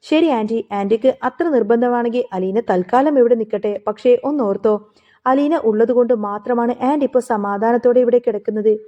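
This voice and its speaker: A woman's voice: fairly high pitch, normal speed, lightly acted. A woman voicing a sly young man who teases his aunt. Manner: teasing, sly. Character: young man, mocking nephew playing a trick. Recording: phone-like narrow sound.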